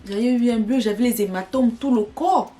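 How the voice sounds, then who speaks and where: A young woman telling a personal story in an animated, dramatic way for her vlog. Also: on the high side, moderate pace. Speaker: vlogger.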